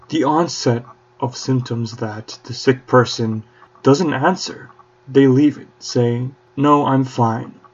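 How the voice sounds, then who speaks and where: A man's voice: mid-range voice, slightly rough. A young man hosting a podcast in a mock-courtly style, grandiose and theatrical with playful old-fashioned flourishes. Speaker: podcast host. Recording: dull lo-fi recording.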